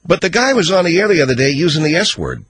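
A man's voice: fairly high pitch, sing-song, fast talker, a bit bright, slight background noise. A man hosting a radio talk show with sardonic, satirical monologues.

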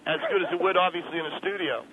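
A man's voice: fairly high pitch, racing. A man calling in over the telephone, a rock drummer talking casually and getting defensive, full of slang. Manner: laid-back, defensive, slangy, says "man" and "dude". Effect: heard over a telephone line. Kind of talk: casual on-air phone chat. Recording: noisy narrow phone line.

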